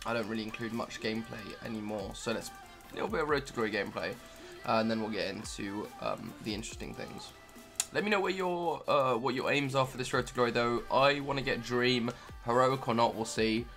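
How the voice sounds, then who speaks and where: A man's voice: mid-range voice, lively intonation, brisk, fairly bright tone, faint music behind. A young man giving casual, rambling commentary over his card-game footage, full of ums and offhand remarks. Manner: rambling, filler-heavy, offhand. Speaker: gaming YouTuber.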